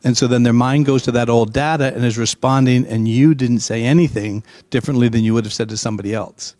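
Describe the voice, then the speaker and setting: Man, middle-aged, emphatic explainer, acts out dialogue, medium pitch, dry sound. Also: fairly even intonation, fast, darkish tone, no room sound. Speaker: guest expert. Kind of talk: explaining in a conversational interview.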